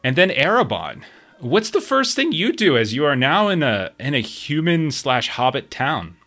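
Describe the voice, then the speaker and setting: A man's voice: fairly high pitch, very animated, normal speed, sharp tone, faint music behind. A man working as game master, narrating a tabletop game in a casual, improvising, conversational manner.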